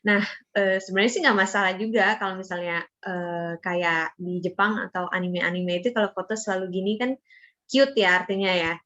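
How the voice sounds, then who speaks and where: A woman's voice: medium pitch, fairly even intonation, moderate pace, fairly bright tone, muffled recording. A young adult woman presenting a student assignment in a casual, chatty way, with lots of fillers. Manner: chatty, with many fillers and tag words.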